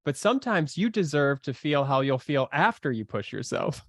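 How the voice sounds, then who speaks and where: A man's voice: on the high side, big pitch swings, normal speed, no room sound, clean studio sound. A man talking as a podcast guest in casual conversation, earnest and searching for his words with many fillers.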